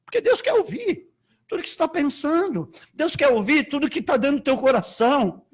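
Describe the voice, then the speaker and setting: A man with a Brazilian Portuguese accent preaching a Pentecostal sermon as apostle and pastor, fervent, swinging from shouts to low murmurs. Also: animated, a little fast.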